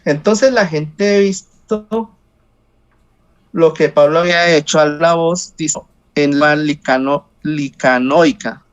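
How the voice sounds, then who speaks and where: A man reading scripture aloud in a Bible study over a video call, slow and halting, with slips he corrects. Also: fairly high pitch, clear, resonant tone, dull audio.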